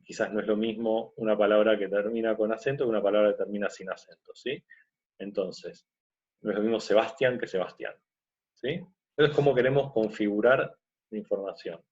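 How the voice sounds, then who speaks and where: A man teaching a screen-recorded software course, explaining step by step and often checking in with his listeners. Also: fairly low pitch, brisk, lo-fi sound. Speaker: course instructor.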